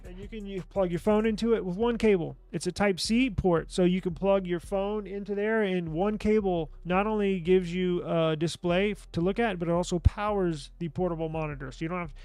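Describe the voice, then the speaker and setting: A man hosting a tech show, casually walking through sale items with loose, excited talk, restarts and mild swearing, from a home studio desk mic. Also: sits high, brisk, hardly any pauses, smooth, no echo. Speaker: tech news host. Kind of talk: casual deal walkthrough. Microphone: desk microphone.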